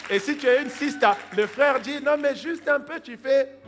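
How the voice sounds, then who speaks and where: Over music, with a crowd in the background, a very high-pitched pastor preaches at a moderate pace. His sermon swings from hushed asides to loud exhortation, includes acted-out excuses in quoted voices, and breaks into praying in tongues.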